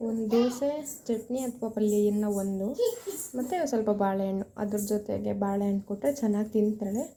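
A woman's voice: mid-range voice, little pitch movement, fairly quick, mellow, a little hiss or hum. A young woman vlogging at home about her toddler's day, switching between narrating for viewers and sing-song baby talk to her daughter. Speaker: vlogger, mother. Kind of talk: casual home vlog narration.

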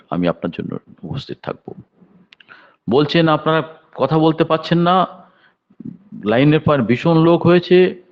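A man's voice: mid-range voice, creaky. A man in his seventies giving a devotional sermon, telling stories with sudden emphatic raised bursts. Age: 70s. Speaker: devotional speaker. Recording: dull lo-fi recording.

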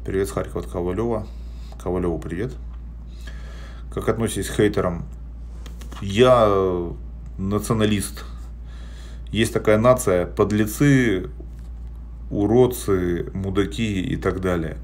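A man in his forties speaks unhurriedly in a lowish, slightly mellow voice, leaving long pauses. He's doing a casual live stream from a small indoor room, bluntly answering viewer questions with frequent hesitation sounds. The phone at arm's length picks up a little hiss or hum.

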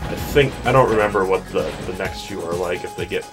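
Young male let's player, low voice, casual rambling commentary recorded in a bedroom over game music. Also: brisk. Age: young adult. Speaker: let's play host. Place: small bedroom at home. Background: video game music.

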